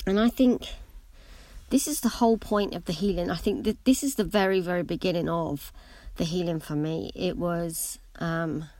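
A middle-aged woman hosts a podcast, sharing a candid, reflective personal monologue in a hesitant, meandering way. Her fairly low, dark voice moves at a moderate pace on a dry recording, and the braces she wears make her pronunciation occasionally imprecise.

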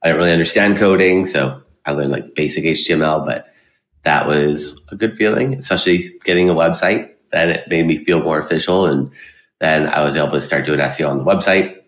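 Male podcast guest, bass-deep pitch, plain conversational answers, noticeably roomy recording. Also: fairly quick. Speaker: podcast guest, digital marketing expert. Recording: roomy, echoey sound.

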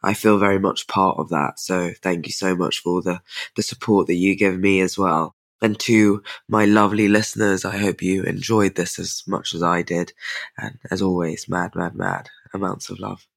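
A podcast host with a cold speaks in a deep voice with vocal fry, little pitch movement and a moderate pace. He jokes casually with his guest in an interview, then reads a scripted outro.

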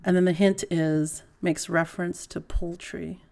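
Brief: woman co-host, lowish voice, giggly and animated, loose chatty delivery. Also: measured pace, creaky. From grew up in a Filipino bilingual household. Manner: giggly, animated, laughs often. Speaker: podcast co-host. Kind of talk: casual chat.

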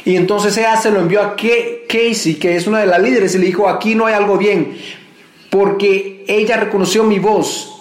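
Male pastor, high voice, earnest conversational sermon to his church. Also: steady tone, normal speed, hardly any pauses, roomy sound. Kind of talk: church message.

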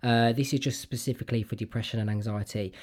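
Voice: mid-range voice, steady tone, quick pace, a little mellow. Earnest podcast host thinking aloud. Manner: earnest, repeats words while thinking aloud. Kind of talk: casual podcast chat.

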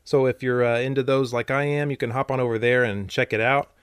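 A man's voice: medium pitch, steady tone, a little fast, smooth, no room sound, studio quality. A man hosting a puzzle podcast in a conversational way with wry, jokey asides, recorded in a small closet. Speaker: podcast host. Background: music.

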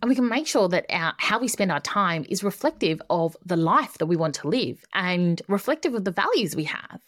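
Low-pitched woman giving upbeat, tidy advice. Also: lively intonation, moderate pace, a bit bright, no room sound, clean studio sound. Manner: emphatic, repeats points in parallel phrases. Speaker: podcast host giving productivity coaching. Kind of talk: scripted advice monologue.

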